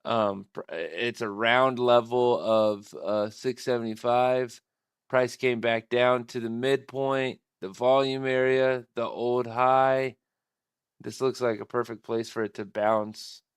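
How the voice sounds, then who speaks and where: A man's voice: mid-range voice, fairly even intonation, slow pace, clear, resonant tone, no room sound, studio quality. A man hosting a live trading stream, thinking aloud at his computer in a casual, rambling way.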